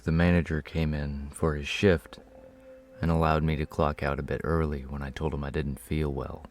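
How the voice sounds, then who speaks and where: A man with a very deep voice narrates a first-person horror story in a steady, measured tone. A faint hiss sits under his reading.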